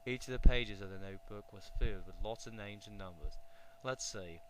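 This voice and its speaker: A man narrating a children's storybook in a clear, even storytelling way, with a faint hum. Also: on the low side, a little fast.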